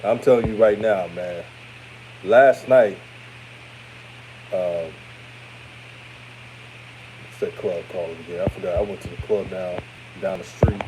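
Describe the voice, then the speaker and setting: A thirty-year-old sports show host from Houston, Texas, with a radio voice that sounds older than he is, chats with viewers on a casual postgame livestream, reading and answering comments and calling them family. His voice sits low and steady, a little slow with long pauses. There is background noise.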